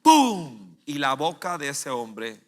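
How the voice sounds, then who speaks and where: Animated preacher, bright voice. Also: male voice, measured pace. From Costa Rica. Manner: vivid storytelling, swings from loud bursts to hushed low phrases. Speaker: pastor. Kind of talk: sermon.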